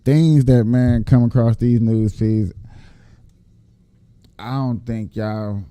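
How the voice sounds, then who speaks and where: A man with an American accent and a very mellow, dark voice, recorded close and dry. He gives casual, folksy commentary at a slow pace, swearing and repeating himself for emphasis. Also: mid-range voice, steady tone, smooth, no room sound. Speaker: host reacting to clips from his news feed.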